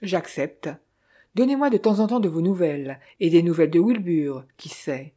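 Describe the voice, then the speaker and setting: A narrator reading the lines of a brisk, witty young woman who teases and announces in a storybook reading. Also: mid-range voice, expressive, dark tone, close to an everyday voice. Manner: teasing, brisk.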